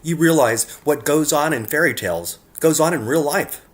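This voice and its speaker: A man with a voice on the high side speaks at normal speed. Presenting his own photographs, he reads scripted narration earnestly and talks directly to the viewer.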